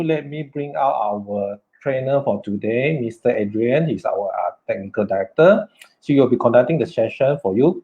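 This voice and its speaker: A man's voice: medium pitch, darkish tone, dull audio. A Malaysian man hosting a live online workshop, hesitant and full of "okay" and "uh" fillers. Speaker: workshop host.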